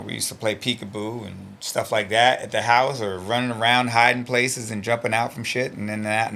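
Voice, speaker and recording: A middle-aged man with a low voice and a gravelly, fry-laden edge talks bluntly and earnestly in an interview. He sounds emotional and close to tears, and he swears freely as he reflects on reading his old journal aloud. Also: bright, forceful tone, slight background noise. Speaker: interview guest, stunt performer.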